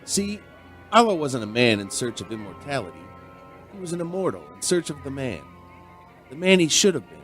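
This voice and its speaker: Soft music plays as an actor narrates and performs as a sentimental, earnest bartender recounting an odd story in dramatic radio-play fashion. The mood is reflective; his mid-range voice is fairly quick, a bit bright, with big pitch swings.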